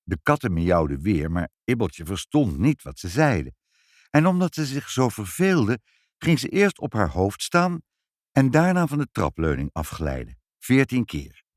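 Male reader, storybook narration, very animated, dry close sound. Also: on the low side, measured pace, no room sound. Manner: expressive, playful. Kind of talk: children's story reading.

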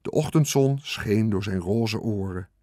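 Calm male storybook narrator. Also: on the low side, unhurried, dry recording, clean studio sound. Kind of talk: storybook read-aloud.

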